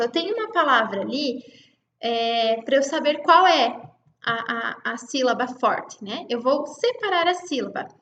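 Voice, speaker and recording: High-voiced woman teaching in an echoey room. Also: a bit bright, dull audio, a little hiss or hum. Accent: Brazilian Portuguese. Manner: patient, explains step by step, checks in with students. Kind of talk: online class lecture.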